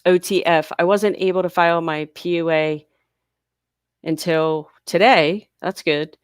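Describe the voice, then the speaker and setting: Speaking from home near a large US city, a chatty woman hosts a casual live Q&A, patiently walking viewers through answers step by step. Her lower voice is congested from her sinuses, yet smooth and clean, recorded close and dry without echo or room sound, with a steady tone and slightly slow pace.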